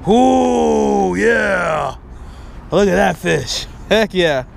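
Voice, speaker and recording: A young man vlogging his fishing from a bridge by the sea, excitable and talkative, filmed on an action camera outdoors. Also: high-pitched, drawn-out words, vocal fry, slight background noise. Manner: excitable, hollers and laughs, repeats himself.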